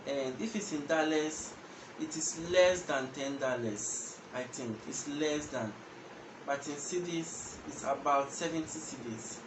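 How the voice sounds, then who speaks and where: Speaking at a measured pace in a fairly high voice, this young adult language teacher hosts his own channel and gives a relaxed lesson to camera. He has a Ghanaian accent, explains each step in turn, and repeats words as he goes. The room behind him has a patterned wall, and the audio carries echo and background noise.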